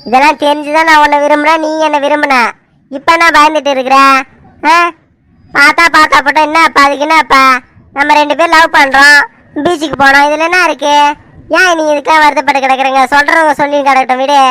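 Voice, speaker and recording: A woman voicing a calm young man who brushes off his girlfriend's worries in a family drama. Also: sits high, fast, dry recording. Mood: reassuring.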